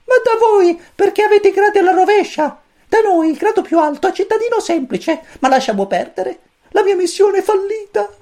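A woman voicing a tiny, fussy male cosmic chick who commands a spaceship, squeaky, stern and lecturing, in a storybook reading. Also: animated, normal speed, a little mellow. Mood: fretful.

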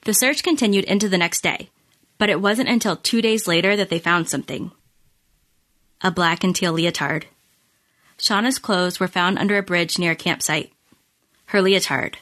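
A woman hosting a podcast, reading scripted true crime narration in measured, storytelling phrases. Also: fairly low pitch, fairly bright tone. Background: music bed.

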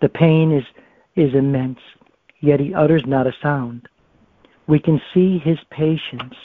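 Earnest man reading devotions over a phone line. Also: on the high side. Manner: earnest, halting, occasional restarts. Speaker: radio show co-host reading devotions. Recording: tinny phone-line audio, dry.

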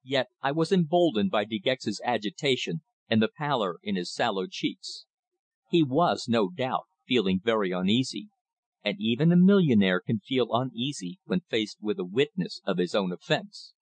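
A man reading an audiobook in measured, earnest first-person narration. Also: on the low side, expressive, dry recording. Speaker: audiobook reader.

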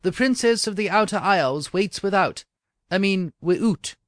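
A man's voice: high voice, measured pace, dry recording, studio quality, pitched above the performer's own voice. A man voicing an eager old male court chamberlain, putting on a stumbling Scottish accent. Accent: put-on Scottish. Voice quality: excited, stumbling over words.

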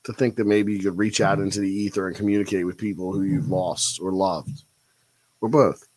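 A man's voice: low-pitched, fairly even intonation, fairly quick, a little mellow, a little hiss or hum. A man hosting a live stream, reading out viewer comments and musing on them in a thoughtful, casual way. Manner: thoughtful, reflective, with frequent fillers. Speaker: livestream host.

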